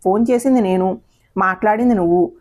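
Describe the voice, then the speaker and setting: A woman voicing a proud, stern older father who speaks in a gruff, questioning tone in an audio story. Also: mid-range voice, brisk, a little mellow, close to an everyday voice.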